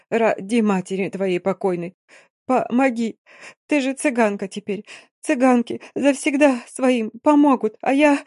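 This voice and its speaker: A hysterical young wife wailing her pleas in a high, loud, stammering voice, as a female reader plays her. It is recorded dry and close. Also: no room sound, natural voice. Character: desperate young Romani wife, sobbing and pleading.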